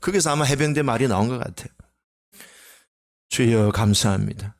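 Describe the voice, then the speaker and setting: A man's voice: mid-range voice, normal speed. A middle-aged male pastor preaching a sermon, voicing Jesus in raised, emphatic bursts.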